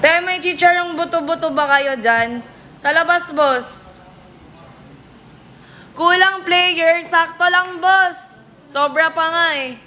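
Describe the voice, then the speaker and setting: Very high-voiced woman bantering on a live stream. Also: sharp tone, slight background noise. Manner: playful, teasing banter with quick comebacks. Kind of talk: casual live-stream chat, answering viewer comments. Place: billiards venue.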